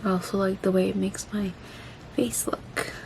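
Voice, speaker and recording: Creaky-voiced woman, swollen after wisdom teeth removal. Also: medium pitch, little pitch movement, normal speed, darkish tone, slight background noise, low-quality recording. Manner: informal, self-deprecating, chatty asides. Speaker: beauty vlogger. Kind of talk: casual chatty get-ready-with-me makeup vlog.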